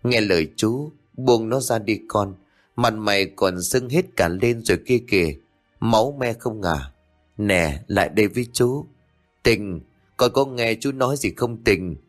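A man voicing an older uncle, a bereaved father who curses his daughter's abuser and then urges calm, in a told ghost story. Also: fairly low pitch, measured pace, soft background music, natural voice. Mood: soothing. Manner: hissing in anger, cursing.

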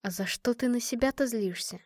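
A woman voicing a caring but blunt young woman squad leader in an audiobook, talking gently and teasingly. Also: fairly high pitch, fairly quick, no room sound, clean studio sound, natural voice. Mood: calm comforting.

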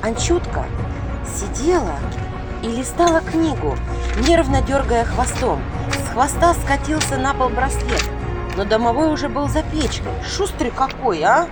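A woman reading a storybook aloud in a lively, flustered first-person telling. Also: high-pitched, a little slow. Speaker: audiobook reader. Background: background music.

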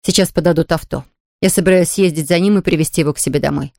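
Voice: medium pitch, fast talker, vocal fry, darkish tone, no echo, studio quality, lightly acted. A reader voicing a grumbling rich lady. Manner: grumbling, weary. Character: stern wealthy older lady, grumbling. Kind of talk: audiobook character voice.

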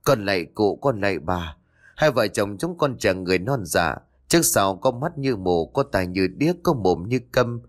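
Young male exorcist, calm, persuasive, measured, low voice, read by a man, ghost story.

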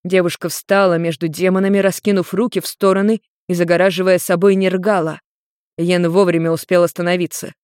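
An audiobook narrator reading a fantasy story in an even, measured way. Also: medium pitch, clean tone, dry recording, studio quality. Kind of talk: scripted narration.

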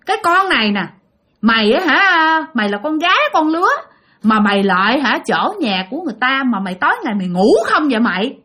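Told by a woman, this is an insolent ghost boy of about ten who scolds from the dark. His voice sits high and swings about. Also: sing-song, a little fast, heavily acted. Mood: scolding.

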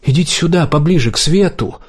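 Male reader voicing an older acting teacher, indignant and scolding, pitched higher than the narration. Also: lively intonation, fast talker, slightly rough. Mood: puzzled, agitated. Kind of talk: audiobook character reading.

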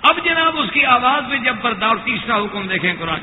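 High-voiced preacher in an echoey hall. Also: male voice, lively intonation. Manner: rhetorical, swings from quiet asides to loud emphatic declaring; chants Quranic verses in Arabic. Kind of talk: sermon. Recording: echoey hall on a tinny lo-fi line.

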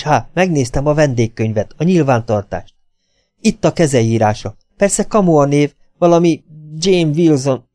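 Man reading as a rushed blunt detective, warm low-key voice, dry sound. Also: no room sound, close to an everyday voice. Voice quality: quick, matter-of-fact. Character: hurried, blunt male private detective on the phone.

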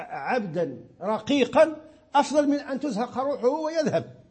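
A man's voice: very high voice, vocal fry, darkish tone, slightly rough. A Moroccan man giving a religious lesson on Islamic law, explaining patiently and repeating words as he searches for them. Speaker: sheikh teaching Islamic law.

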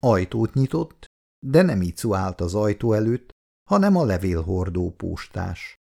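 A man narrates a story in a gravelly voice. His dark tone stays low, and his pitch moves a lot as he reads. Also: sing-song.

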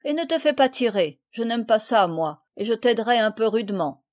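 A woman reading the lines of a rough, blustering count who mocks and threatens a thief loudly. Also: fairly high pitch, normal speed, no room sound, studio quality, close to an everyday voice. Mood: mocking. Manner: gruff, loud, mocking.

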